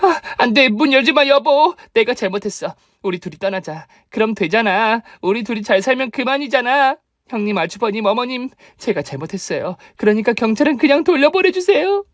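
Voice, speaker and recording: A woman voicing a scheming, unhinged young sister-in-law in a radio drama, swinging between shrill cursing and pleading. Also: expressive, moderate pace, no room sound, studio quality, lightly acted. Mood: begging. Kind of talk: Korean radio drama acting.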